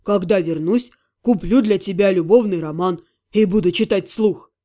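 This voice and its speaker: A woman voicing a good-natured male half-gnome friend who scolds gently and coaxingly, in an audiobook. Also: mid-range voice, moderate pace, pitched below the performer's own voice, natural voice. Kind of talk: audiobook character voice.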